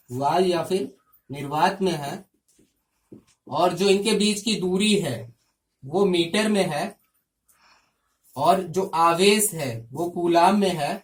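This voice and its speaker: A man teaching a physics lesson step by step, often pausing to check in with his students. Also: high-pitched, distant mic. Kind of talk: classroom lecture.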